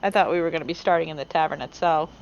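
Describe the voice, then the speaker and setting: A woman's voice: sits low, racing, dull audio, slight background noise. A woman player chatting casually, teasing the others playfully. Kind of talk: casual chat between game sessions.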